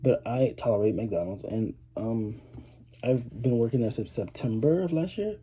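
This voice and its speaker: A man's voice: medium pitch, animated, normal speed, warm tone, slight background noise. An eighteen-year-old man chatting casually to camera as a vlogger, rambling with lots of fillers and restarts. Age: 18, teenager. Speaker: vlogger, high school student.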